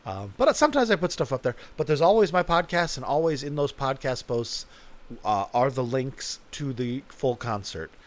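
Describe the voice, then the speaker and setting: A man hosts his own podcast and talks loosely and off the cuff, wandering from one thought to the next. His humor is self-mocking and sly, full of asides. His pitch sits in an ordinary middle range for a man. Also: sing-song, moderate pace. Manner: joking, self-mocking, rambling. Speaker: podcast host. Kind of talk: casual podcast chat.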